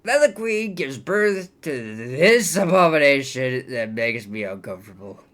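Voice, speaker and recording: A man talks through a bad movie at an unhurried, drawn-out pace, cursing constantly. His voice jumps up into loud disbelief, then sinks into weary grumbling. It is an exasperated, profane rant in the style of online commentary. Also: medium pitch, very animated. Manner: profane, exasperated, with swings between outbursts and mutters. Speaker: movie reviewer.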